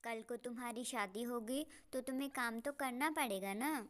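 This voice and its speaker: A woman's voice: on the high side, normal speed, a bit bright, natural voice. A woman voicing a hardworking female bird who nags her lazy sister in a cartoon. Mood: scolding.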